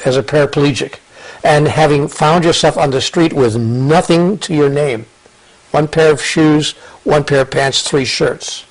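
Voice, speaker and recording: An older man speaks earnestly as an interview guest, his voice husky and a touch higher than most men's. He circles back over his words, restarting phrases as he thinks aloud, and slips into quoted voices to make a point. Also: low-quality recording. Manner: earnest, repeats words and restarts, quotes others in lively asides. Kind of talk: reflective conversational storytelling.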